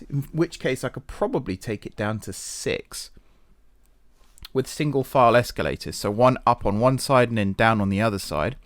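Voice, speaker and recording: A man's voice: medium pitch, studio quality. A man giving casual gameplay commentary, thinking aloud in a self-deprecating way, recorded in an echoey, sparsely furnished office. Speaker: gaming video host. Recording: echoey room with little furniture.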